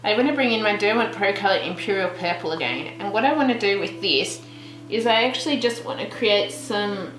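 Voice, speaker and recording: A woman hosting a relaxed real-time colouring tutorial, chatting and thinking aloud with trailing restarts as she works. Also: mid-range voice, a little hiss or hum. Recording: roomy echo with faint background music.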